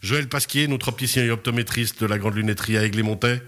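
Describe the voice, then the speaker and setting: A man hosts a local radio talk show, chatting casually with his guests, laughing a lot and filling pauses with hesitations. His voice sits on the low side and sounds a bit bright.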